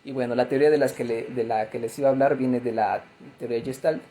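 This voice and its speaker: A male therapist explains grief in an easy, conversational way, scattering fillers and tag questions through his talk. His voice is mellow and dark rather than bright. A faint noise floor sits under the recording. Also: mid-range voice, fairly even intonation, fast, low-quality recording.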